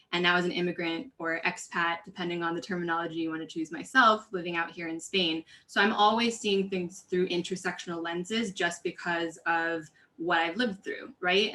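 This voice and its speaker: A woman from California speaks on a webinar panel with a bright, forceful tone. Her delivery is earnest and conversational, full of fillers and self-corrections, set a little low in pitch. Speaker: diversity and inclusion coach, panelist.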